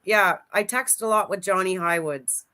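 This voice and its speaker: A woman in her forties, a livestream guest, chats casually and laughs often while telling stories about her friends. Her mid-range voice has a sharp tone and a moderate pace.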